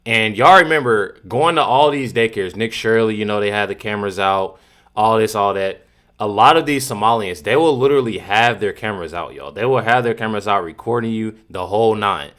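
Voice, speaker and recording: A man's voice: fairly low pitch, fairly quick, fairly bright tone. A man hosting a reaction channel, talking casually and emphatically with many fillers and repeats. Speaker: commentary channel host.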